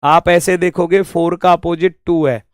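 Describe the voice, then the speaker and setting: A man's voice: fairly high pitch, steady tone, a little slow, clear, resonant tone, no room sound, studio quality. A man teaching an exam-prep lesson, repeating key words as he points through a diagram and playfully scolding his students.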